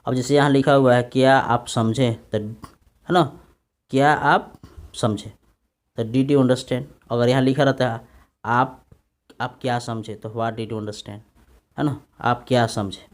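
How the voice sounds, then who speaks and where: A man teaching English translation to exam students in Hindi, dictating sentences slowly and often asking "right, friends?". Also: mid-range voice, steady tone. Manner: repeats tag questions to students. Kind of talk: Hindi-English grammar lesson.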